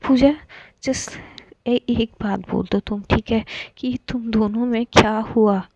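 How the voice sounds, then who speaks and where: A woman's voice: on the high side, steady tone, takes it slowly, darkish tone, dry recording, muffled recording. A woman voicing a worried young woman friend who presses urgently for answers, in a storybook reading. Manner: urgent, insistent.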